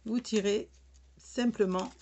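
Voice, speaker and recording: A woman with a regional French accent walks through a crafting demo at an unhurried pace, stopping often for fillers and restarts. Her voice sits at a middle pitch, with a faint hiss in the background. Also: fairly even intonation, dark tone. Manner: hesitant, many fillers and restarts. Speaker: crafting demonstrator. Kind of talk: casual product demonstration.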